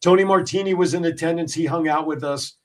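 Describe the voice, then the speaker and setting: A man's voice: on the high side, quick pace, distant mic, low-quality recording. Chatty male talk-radio host, voice slightly raised, a little off-mic. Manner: animated storyteller, many fillers and restarts. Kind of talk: casual radio talk and storytelling.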